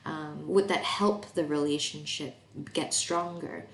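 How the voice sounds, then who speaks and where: A chatty woman from Malaysia leads a training talk, full of fillers and little laughs. Her voice sits a bit low for a woman. It carries a roomy echo over a faint hiss. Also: steady tone, unhurried, vocal fry, fairly bright tone. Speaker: course presenter and therapist. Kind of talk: casual online training talk.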